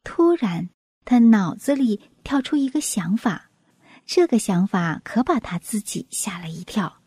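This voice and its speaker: A woman narrating a children's story in a slow, gentle storytelling voice. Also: medium pitch, animated, slightly rough, dry recording.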